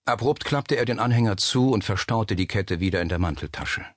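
A man reading a suspense novel aloud as narrator, measured and steady. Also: fairly low pitch, no room sound, clean studio sound. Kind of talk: scripted audiobook narration.

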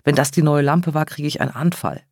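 A man's voice: fairly high pitch, steady tone, fairly quick, no echo, studio quality. A man voicing a stern, house-proud older woman who speaks in a tense, hissed whisper.

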